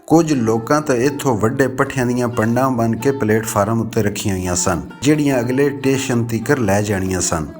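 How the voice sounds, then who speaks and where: Man narrating a village novel. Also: medium pitch. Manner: measured, steady storytelling.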